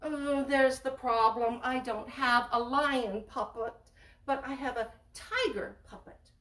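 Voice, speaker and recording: A woman storyteller telling a children's fable in a playful, animated way, asking the listeners questions, recorded in a library room from a distant camera. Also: high voice, slow, reverberant.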